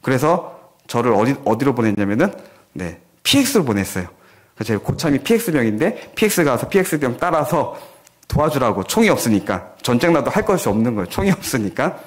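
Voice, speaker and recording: A brisk male pastor with a mid-range voice brings a story to life during his sermon at a church prayer meeting, animatedly voicing the people he quotes.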